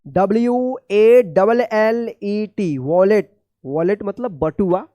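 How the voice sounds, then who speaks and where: A woman teaching an English pronunciation lesson, spelling out letters slowly and repeating each word, often checking with her listeners. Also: medium pitch, mellow, dry recording, lo-fi sound.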